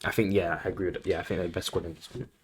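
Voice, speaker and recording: A man's voice: low-pitched, flat delivery, very fast, husky. A man co-hosting a casual football podcast, hedging and repeating himself as he gives his views. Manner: hedging, repeats himself, lots of "I think" and "I feel like". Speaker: podcast co-host.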